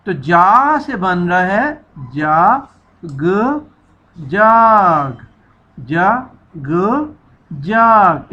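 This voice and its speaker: A woman with a medium-pitched, fairly bright voice, its highs cut off, teaches children to read. She stretches out syllables and repeats each sound so the kids can echo it.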